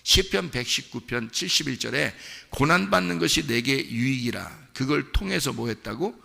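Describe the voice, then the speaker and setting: A man preaching from the pulpit with a heavily gravelly, bright and forceful tone. He talks earnestly and conversationally, as if speaking to each listener. His voice rings out with a long reverb through a church hall. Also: medium pitch, lively intonation, moderate pace. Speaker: pastor. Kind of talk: sermon. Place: church sanctuary.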